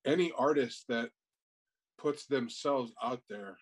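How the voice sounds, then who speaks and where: A man from Texas, a podcast guest talking in an easygoing, halting way with casual swearing. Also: mid-range voice, poor audio. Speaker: guest, tattoo artist. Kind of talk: casual interview chat.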